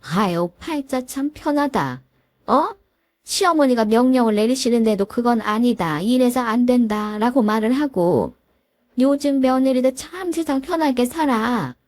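A domineering older mother-in-law scolds in a sharp, commanding way, as a woman reads her in a fairly high voice. The recording is dry and close, with no room sound. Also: lively intonation, a little slow, dry recording. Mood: scolding.

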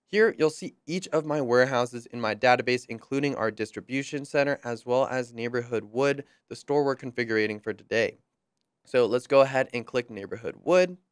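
A young man talks through a software tutorial in a smooth, clean voice, recorded close and dry. His delivery is friendly and upbeat, with a light joke now and then. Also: medium pitch, moderate pace, no room sound. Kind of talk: screen-recorded software walkthrough.

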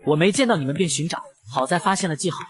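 A man's voice: fairly high pitch, rapid-fire, natural voice. A man voicing a cheeky, clever boy who is an older brother, with a mocking, teasing manner in a comic recap.

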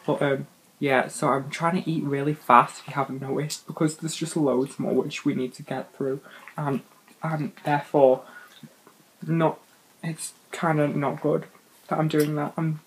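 A man's voice: fairly high pitch, flat delivery, measured pace, rough recording. A young man vlogging casually, swearing now and then and talking with his mouth full during an eating show. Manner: chatty, swears casually, talks while eating. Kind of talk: casual mukbang chat. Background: faint party noise.

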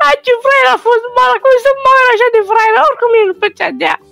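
Guy doing a super high giggly weird little boy in a game roleplay, garbled rambling talk. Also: gravelly, pushed and bright, dry recording, full character voice. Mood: mock-tearful. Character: weird, teasing little boy who fakes crying.

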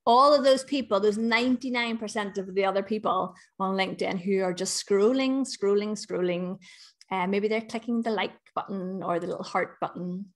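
A woman's voice: medium pitch, moderate pace. Upbeat Northern Irish woman coach. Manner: chatty, upbeat, lively emphasis. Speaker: business coach. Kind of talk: webinar presentation.

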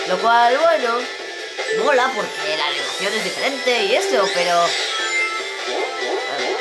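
A woman with a Spain accent and a stuffy, nasal voice from a blocked nose, giving excitable gameplay commentary with loud exclamations. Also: medium pitch. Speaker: gaming YouTuber. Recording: loud game music behind.

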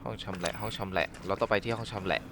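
A man's voice: sits low, fairly even intonation, rapid-fire, noisy background. A man playing a horror game and talking to himself, swearing and shrieking when startled. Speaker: gaming streamer. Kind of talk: let's play commentary.

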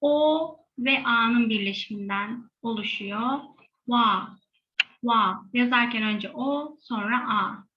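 Slow, high-voiced woman teaching pronunciation. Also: muffled recording. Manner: models sounds slowly, repeating them. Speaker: Korean language teacher. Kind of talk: explaining Korean pronunciation.

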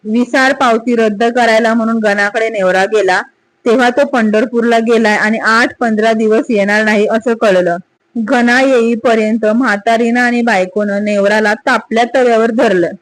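High-voiced woman reading a story. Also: fairly even intonation, normal speed, poor audio. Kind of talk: storybook narration.

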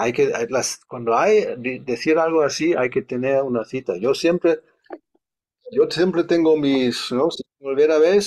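A man's voice: mid-range voice, darkish tone. A man teaching a study class in a conversational way, thinking aloud and questioning as he goes.

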